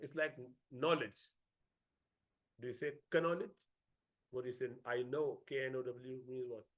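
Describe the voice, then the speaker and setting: A man teaching a Quran recitation class, explaining rules briskly and chanting verses slowly for the class to follow. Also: mid-range voice. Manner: switches between brisk explanation and slow melodic chanted recitation. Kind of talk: tajweed class, modelling recitation.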